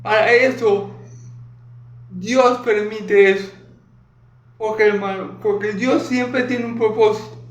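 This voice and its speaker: A man preaching a sermon on a Bible passage in an emphatic style, asking rhetorical questions and clearing his throat often. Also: high voice, steady tone, slow pace, long pauses, reverberant, muffled recording.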